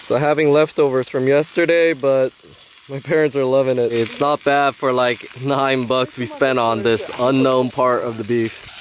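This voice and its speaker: A man's voice: mid-range voice, level tone, normal speed. A man in his thirties narrating a casual travel vlog outdoors, upbeat and chatty, often laughing. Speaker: travel vlogger. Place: outdoors at a lakeside campsite and roadside.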